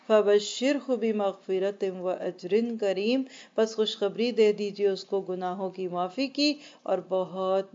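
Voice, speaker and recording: A woman giving a Quran lesson to women, explaining earnestly with rhetorical questions and slowing right down to recite verses. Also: medium pitch, a little mellow. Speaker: Quran teacher. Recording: dull lo-fi recording.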